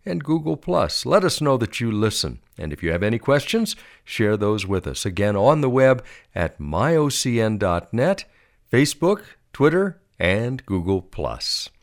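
A man announcing a radio broadcast in a smooth, expressive scripted delivery. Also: mid-range voice, measured pace.

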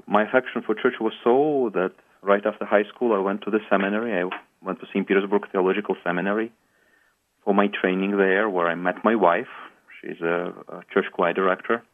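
A middle-aged man from Latvia speaks as a guest priest on a radio show. His voice sits on the low side and he answers in a measured way, pausing and hesitating often. The sound is narrow and phone-like, as if coming through a radio. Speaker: guest priest and pilgrimage tour founder.

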